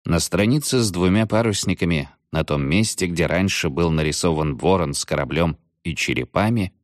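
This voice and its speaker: A man narrating a children's horror audiobook in an expressive storytelling manner. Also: low-pitched, moderate pace, no room sound, clean studio sound.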